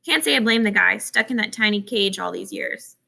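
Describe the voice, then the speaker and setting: A woman's voice: medium pitch, brisk, vocal fry, pushed and bright, full character voice. A woman voicing a weary middle-aged father who grumbles in a dry, tired way, read for an audiobook.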